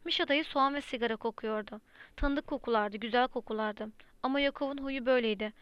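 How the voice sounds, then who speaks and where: A woman narrates a novel in a steady, even audiobook read. Her voice sits a little high and sounds smooth and crisp. The recording is dry and slightly muffled. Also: quick pace, dry recording.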